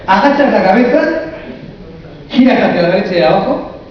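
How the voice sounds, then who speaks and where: Man, fairly high voice, coach giving a humorous conference talk, heard from far off in a big echoey hall. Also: a little fast, muffled recording, slight background noise. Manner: humorous, lively, asks the audience many rhetorical questions. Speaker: coach and therapist speaking at a conference.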